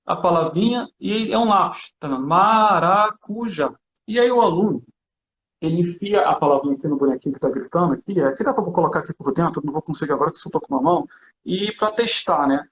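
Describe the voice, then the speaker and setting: A Brazilian teacher chats casually and animatedly while demonstrating classroom materials, often tacking on "né". He's hands-on and talks fast in a slightly high voice. The room is echoey and the recording muffled.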